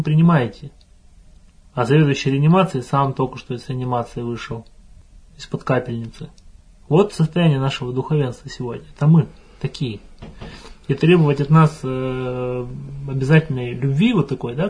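A man's voice: mid-range voice, darkish tone, slightly rough. A man, a priest, answering a listener's letter in a thoughtful, hesitant way with frequent restarts.

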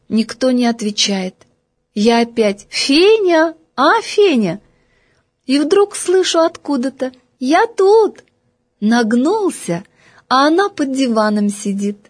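A woman with a high voice narrates a children's storybook. She reads expressively and acts out each line of dialogue. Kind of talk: storybook reading.

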